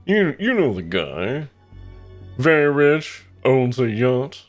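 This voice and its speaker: A man's voice: mid-range voice, big pitch swings, takes it slowly, soft background music, voice pushed up. A man voicing a pompous, bragging rich yacht owner with a toothy drawl from the side of his mouth. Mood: smug, pompous. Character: rich pompous yacht-owning snob, old-money braggart.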